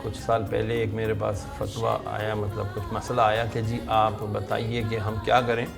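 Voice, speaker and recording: A man's voice: fairly low pitch, monotone, gravelly, music in the background. A middle-aged man with a Pakistani Urdu accent, a religious scholar telling a long story and acting out the people in it. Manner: narrates at length, acting out the people in his stories.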